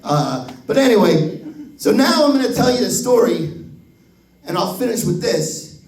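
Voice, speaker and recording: A man's voice: high-pitched, normal speed, recorded from a distance. A man in his fifties telling profane stand-up comedy stories, acting out other people's voices. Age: 50s. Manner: profane, animated, acts out voices. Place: comedy club stage. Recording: roomy echo, voice from the mic.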